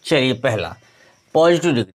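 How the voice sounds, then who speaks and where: A man's voice: mid-range voice, sing-song, normal speed. A middle-aged man teaching English grammar in a video lesson, who keeps asking the viewer questions and then answers them himself. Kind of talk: explanatory classroom lesson.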